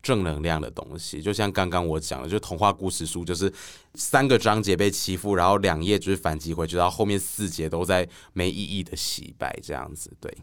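A man, a guest writer telling stories on a podcast in a loose, animated way, swearing and laughing freely. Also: low-pitched, a little fast. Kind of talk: casual podcast storytelling.

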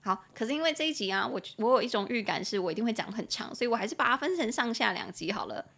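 A woman with a Taiwanese Mandarin accent hosting a solo English-lesson podcast, chatting casually and spelling words out slowly letter by letter. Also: fairly high pitch, expressive, gravelly, fairly bright tone, slightly rough. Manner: chatty, opinionated asides. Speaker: podcast host and English teacher.

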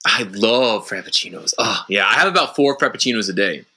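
A man playing a bright-voiced bumbling suspect. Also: fairly low pitch, lively intonation, a little fast, husky, exaggerated voice. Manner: hesitant, laughing through answers. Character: cheerful male neighbor suspect. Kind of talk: improv comedy scene.

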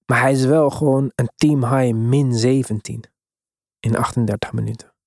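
Speaking at a moderate pace, a male sports podcast host uses a gravelly, mid-pitched voice with a dark, relaxed edge. His delivery is casual but emphatic, sprinkled with English sports terminology. Recording is close and dry, no room sound at all.

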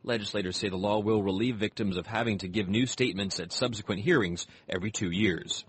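Husky low-voiced male news anchor. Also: fast talker. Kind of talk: scripted radio news bulletin.

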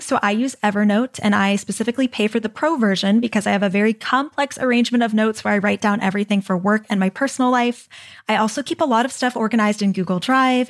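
A woman hosting a solo podcast, reading a script in an upbeat, encouraging, conversational way. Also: fairly high pitch. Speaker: podcast host.

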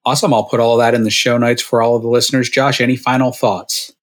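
A man hosts an interview podcast with a plain, mid-pitched voice. He keeps his turns short and upbeat, thanking the guest and steering toward the close. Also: little pitch movement, fast. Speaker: podcast host. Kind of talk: interview chat.

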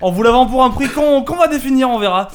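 A man's voice: very high voice, lively intonation, quick pace, slight background noise. A man co-hosting a casual roundtable podcast, rambling along with lots of fillers and restarts. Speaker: podcast co-host.

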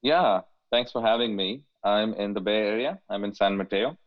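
A deep-voiced man in his forties from India, talking casually as an interview guest. He hesitates often, with fillers and restarts. The sound is dry and narrow, like a phone line. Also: normal speed, dry recording. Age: 40s.

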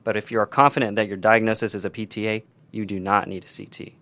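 A man's voice: fairly low pitch, flat delivery, fast, pushed and bright. A man co-hosting a scripted emergency medicine teaching podcast, explaining procedures in detail, step by step.

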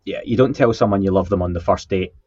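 A man with a fairly low voice chats casually as a podcast co-host, cracking dry, self-deprecating jokes and stumbling over repeated words. The recording is dry but dull and muffled, as if the mic were not set up right. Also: quick pace, darkish tone, slightly rough, no room sound. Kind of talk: casual podcast chat, reading listener comments. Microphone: podcast microphone with a faulty setup.

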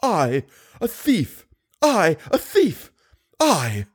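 Guy doing a shrill cranky old lady, yelps and protests, voice jumps all over the place. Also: expressive, normal speed, a little mellow. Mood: outraged. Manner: indignant, yelping. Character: shrill angry old woman box keeper.

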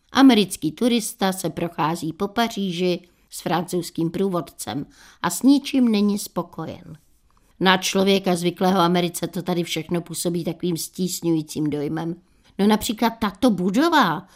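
An older woman in her sixties reads humorous anecdotes on air as a radio host. Her voice sits a little low, and she delivers each story in a dry, unhurried manner.

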